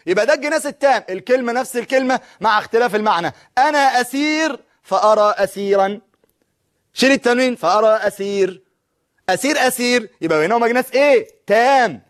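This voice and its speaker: Man, Egyptian accent, high voice, TV Arabic teacher, slow recitation of verse, quizzing viewers. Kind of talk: televised lesson. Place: studio with a blackboard.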